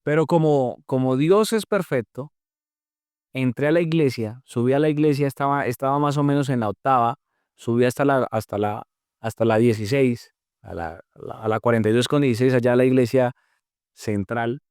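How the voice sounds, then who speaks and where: Man, young adult, podcast testimony, emotional and earnest, smooth clear voice, dry close sound. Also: medium pitch, a little mellow, dry recording. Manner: earnest, emotional retelling with drawn-out pauses. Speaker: podcast guest. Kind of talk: personal faith testimony storytelling.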